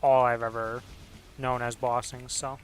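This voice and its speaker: A man's voice: mid-range voice, flat delivery, measured pace, clear, resonant tone. A man in casual, rambling, slangy conversation while gaming as a streamer. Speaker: game streamer.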